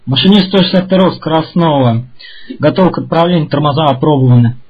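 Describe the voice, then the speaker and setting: Train driver over a two-way radio: a quick-talking man with a husky voice, clipped and formal, reading orders back. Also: a little high, lo-fi sound. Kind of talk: railway radio exchange.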